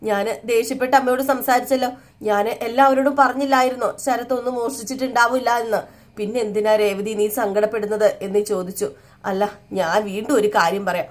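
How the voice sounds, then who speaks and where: A woman voicing a loving young husband who gently reassures his wife. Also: fairly high pitch, steady tone, fast, close to an everyday voice. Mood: reassuring. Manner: soothing, reassuring.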